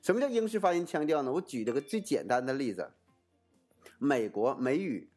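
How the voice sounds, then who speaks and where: A man speaking in a casual, explanatory way, like an advisor talking someone through a choice. His pitch swoops up and down freely, which makes him sound lively. He poses rhetorical questions and answers them himself, and his sentences keep restarting around little fillers. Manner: animated, swooping intonation.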